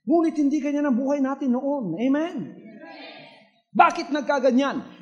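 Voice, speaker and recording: A high-pitched male pastor with a Filipino accent delivers a fervent sermon. He mixes Tagalog and English, swinging from quiet, intimate asides to ringing shouts. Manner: fervent preaching, sudden swings from hushed to shouting; switches between Tagalog and English.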